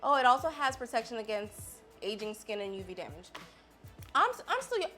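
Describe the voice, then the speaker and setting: A beauty vlogger in her twenties tests makeup in a casual haul chat, talking straight to viewers in a chatty, sassy way. Her voice is a little high, very animated, brisk and sharp, with soft background music.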